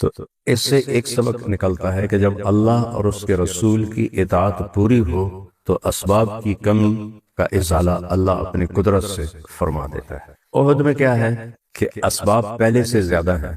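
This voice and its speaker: A low-voiced man delivers a storytelling sermon, slipping between narration, quoted dialogue and recited Arabic verses. His voice sits some distance from the microphone. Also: measured pace, a little mellow. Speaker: preacher.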